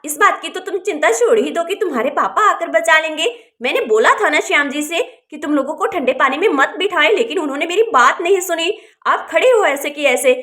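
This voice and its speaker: A woman's voice: sits high, expressive, fairly quick, bright, forceful tone. A woman voicing a fussy, worried village housewife who scolds yet cares for everyone. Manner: fussy, complaining.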